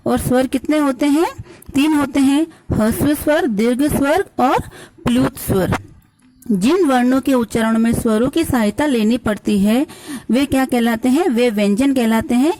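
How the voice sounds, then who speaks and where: A woman's voice: high-pitched, normal speed, mellow. A woman teaching a school grammar lesson, spelling words out sound by sound and answering her own questions for the children. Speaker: Hindi teacher.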